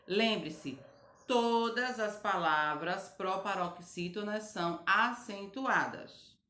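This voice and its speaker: A woman teacher giving a recorded grammar lesson to children, slowly and patiently spelling out each word. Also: mid-range voice, sharp tone, roomy sound. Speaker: primary school teacher.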